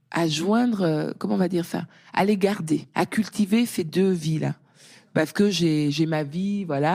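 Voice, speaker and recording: A middle-aged woman guest talking casually in an interview, a lively storyteller whose voice rises when she quotes others. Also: low voice, gravelly. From France.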